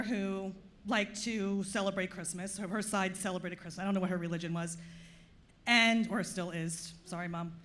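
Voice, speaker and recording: At a comedy club, facing an audience, a Long Island-accented woman from Long Island, New York, works through a stand-up set of dry, self-deprecating jokes. Her mid-range voice has a fairly bright tone, with slight background noise in the recording.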